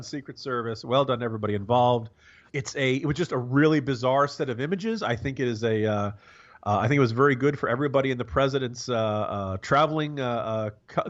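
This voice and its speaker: An American man giving casual, wry political commentary as a podcast co-host, halting and rambling with a sarcastic bent. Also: medium pitch, highs cut off.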